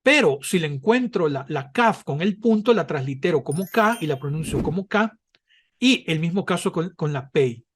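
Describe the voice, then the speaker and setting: A man teaching a Hebrew language class, explaining patiently and often pausing with "eh" or checking in with "¿verdad?". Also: fairly high pitch, expressive, husky. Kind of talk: online class lecture.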